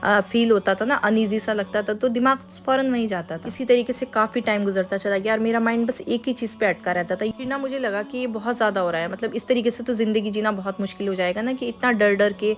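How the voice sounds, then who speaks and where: A woman hosting her own channel, telling a personal religious testimony in an earnest, confiding, unhurried way. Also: medium pitch. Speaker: channel host.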